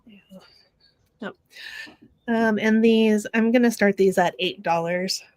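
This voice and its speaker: Woman host, casual live-sale chat, slow and halting, close dry mic. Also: medium pitch, fairly even intonation, darkish tone, no room sound, low-quality recording. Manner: unhurried, halting, with many fillers and restarts.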